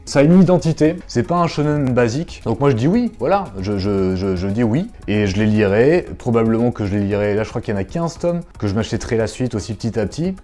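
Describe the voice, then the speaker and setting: A man with a mellow, warm tone talks straight to his viewers in a relaxed vlog review. He rambles a little, fills gaps with hesitations and keeps an easygoing, conversational flow. Soft music runs faintly behind him. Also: medium pitch. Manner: chatty, digressive, frequent fillers; addresses viewers directly. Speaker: manga YouTuber.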